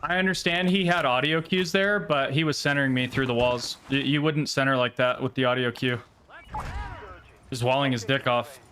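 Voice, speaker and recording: A man's voice: mid-range voice, steady tone, moderate pace, pushed and bright, a little hiss or hum. A man streaming a battle royale game live, giving casual commentary in gamer slang, often swearing when frustrated.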